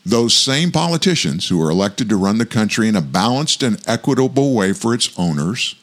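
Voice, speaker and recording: This commentary show host is an older man from South Louisiana, in his 60s, whose big, very low voice has a sing-song lilt. He reads a scripted political commentary with a measured, thoughtful delivery.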